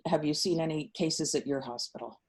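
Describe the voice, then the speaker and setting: A woman interviewing colleagues on a video call, asking brisk, friendly questions with fillers. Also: low-pitched, darkish tone.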